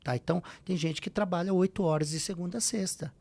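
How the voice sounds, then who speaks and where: A man with a Brazilian accent and a somewhat high voice speaks as a podcast guest. He has a slight tongue-tie and lays out motivational advice emphatically, point by point, with rhetorical questions. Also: fast talker, gravelly, a little mellow. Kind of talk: motivational advice in a casual interview.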